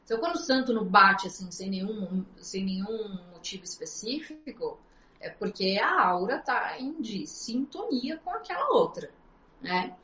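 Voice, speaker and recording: A woman's voice: medium pitch, sing-song, normal speed, bright, forceful tone. A woman in a casual interview, earnestly explaining things at a shifting pace. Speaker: astrologer guest. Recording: echoey, dull lo-fi sound.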